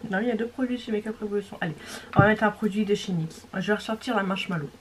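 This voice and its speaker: A young beauty vlogger talks fast through a casual makeup tutorial at a mid-range pitch, rambling with lots of filler words. Now and then she drops into a whisper. Faint hiss lies beneath the recording.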